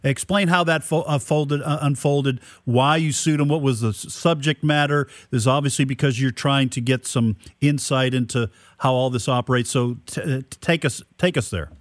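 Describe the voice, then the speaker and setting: A man from New Hampshire hosting a radio talk show, asking questions conversationally and haltingly, repeating words as he goes. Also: mid-range voice, fairly even intonation, dry recording. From New Hampshire, United States. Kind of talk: conversational interviewing.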